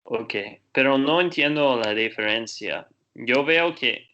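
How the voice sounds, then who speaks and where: A man practicing Spanish as a learner, reading in a slow, careful, deliberate way. His voice sits mid-range, and the audio comes through slightly dull over a video call. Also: medium pitch, sharp tone. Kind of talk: reading aloud and asking questions in a lesson.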